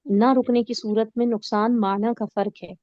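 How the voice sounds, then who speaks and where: A woman's voice: fairly high pitch, little pitch movement, dry recording, muffled recording. A woman teaching an online recitation class, explaining rules patiently with everyday examples and checking that her students follow.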